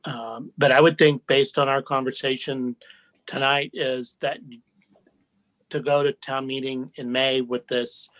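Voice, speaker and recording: A man chairing a town committee meeting, speaking in a measured way as he directs the discussion. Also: mid-range voice, little pitch movement, a bit bright, low-quality recording.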